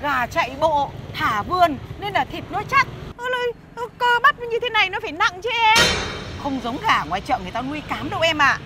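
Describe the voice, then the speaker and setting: A crafty chicken seller, very high voice. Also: female voice, very animated, heavy background noise. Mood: wheedling. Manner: fast-talking sales patter, cheeky. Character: crafty chatty female market chicken seller. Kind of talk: sitcom acting.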